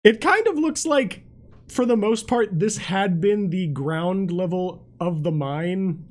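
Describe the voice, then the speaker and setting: A man's voice: high voice, expressive, slow pace. A man improvising vivid, informal narration as game master of a tabletop game.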